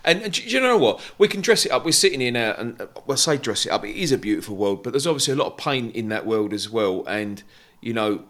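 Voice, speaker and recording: A man's voice: mid-range voice, very animated, quick pace, a bit bright. A man, hosting a podcast in a casual, informal conversational style and often repeating his phrases. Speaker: podcast host.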